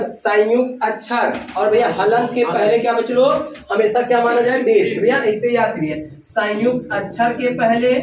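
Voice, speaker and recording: A man teaching a classroom lesson, asking the class questions over and over and calling the students "bhaiya" and "children". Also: extremely high pitch. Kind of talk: classroom lecture. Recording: echoey room, voice from far off, class noise behind.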